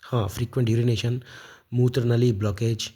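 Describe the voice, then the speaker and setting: Man, 30s, from India; soft warm tone, rambling off-the-cuff monologue, lots of fillers and restarts. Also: medium pitch, level tone, normal speed, husky. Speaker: vlogger. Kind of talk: casual spoken monologue.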